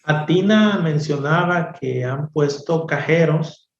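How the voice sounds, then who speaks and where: Slow, measured man on echoey, dull audio. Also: fairly high pitch, a little hiss or hum. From El Salvador. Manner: slow, measured, hesitant with many fillers. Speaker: economist guest. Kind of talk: interview answers.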